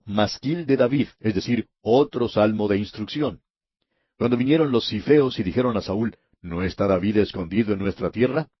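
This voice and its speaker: Man, radio Bible teaching, earnest, emphatic, low-pitched, muffled dry recording. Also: slightly rough, no room sound. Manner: earnest, emphatic, addresses the listener directly.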